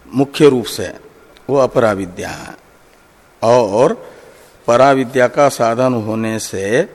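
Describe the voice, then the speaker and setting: Male Vedanta teacher, slow and deliberate explanation, long hall reverb. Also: medium pitch. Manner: slow, deliberate, recites Sanskrit then explains. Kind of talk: scriptural commentary lecture.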